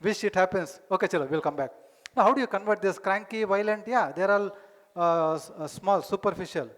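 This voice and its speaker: A man's voice: high voice, drawn-out words, fairly bright tone. A man lecturing a conference hall and quizzing the audience, mixing in Tamil words. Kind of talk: teaching lecture.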